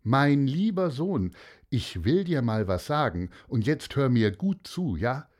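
A proud, warm-hearted father from a storybook, emphatic and booming, as a man reads him aloud. His delivery is slow and deliberate with wide, lively swings in pitch.

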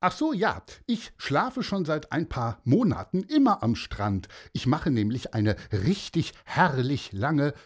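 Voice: sing-song, a little slow, hardly any pauses, slightly rough. The narrator of a children's story playing a cheerful, exuberant man who sleeps on the beach, in a raised voice. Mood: jolly. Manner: exuberant, booming greetings. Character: cheerful male hiker in pyjamas.

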